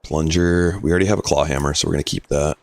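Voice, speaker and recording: Man, game streamer, very deep voice, dry sound, casual explaining to chat. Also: fast, creaky, no room sound. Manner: relaxed, explains game rules while answering chat. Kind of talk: casual live-stream commentary.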